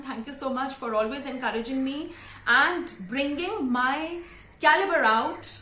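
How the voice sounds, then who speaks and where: A woman of about fifty with an Indian English accent, giving a sincere, emotional thank-you speech to camera with halting fillers. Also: a little high, bright, forceful tone, a little hiss or hum. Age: around 50. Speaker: vlogger and school teacher. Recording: roomy echo.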